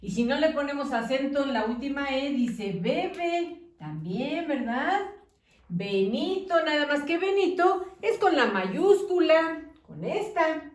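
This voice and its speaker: Woman, teacher, children's phonics lesson, sing-song, drawn-out syllables, wide pitch swings, echoey room. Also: expressive, recorded from a distance.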